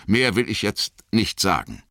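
A man's voice: lowish voice, sing-song, a little slow, bright, forceful tone, no room sound, clean studio sound, voice pushed up, full character voice. A man voicing a brooding warrior who speaks hesitantly, guilty and evasive.

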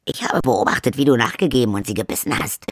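A man's voice: medium pitch, animated, quick pace, slightly rough, dry recording, clean studio sound. A man voicing a sulky, scornful vampire daughter who talks back to her parents. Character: sulky, scornful young vampire daughter, 200 years old.

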